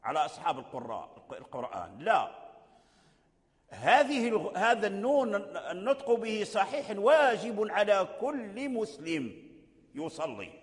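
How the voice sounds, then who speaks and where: A man teaching Quran recitation as a sheikh, explaining slowly and repeating his phrases. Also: high voice, big pitch swings. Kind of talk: religious lecture. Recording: long hall reverb.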